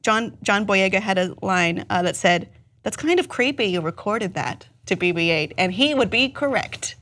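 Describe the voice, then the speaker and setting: A woman's voice: mid-range voice, expressive, normal speed, fairly bright tone. A woman hosting a casual pop-culture talk show, recapping deleted film scenes conversationally and laughing often. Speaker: host.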